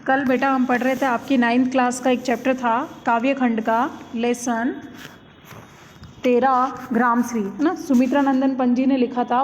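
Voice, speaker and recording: A woman's voice: high-pitched, slight background noise. A woman teacher explaining a poem line by line to her students, patiently repeating phrases and checking in with them. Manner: patient, repeats lines and asks "है ना". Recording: long hall reverb.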